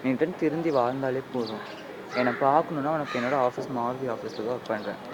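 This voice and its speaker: A man's voice: medium pitch, fast, a crowd in the background, lightly acted. A man playing a kind stranger who lectures earnestly about debt while reassuring and comforting. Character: kind, preachy stranger giving money. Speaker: actor in a short video drama. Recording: background music under the voice.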